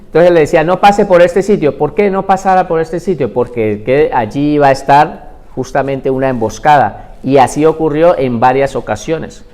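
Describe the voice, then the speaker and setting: Man teaching an animated Bible class. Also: on the high side, moderate pace. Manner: animated storytelling with rhetorical questions.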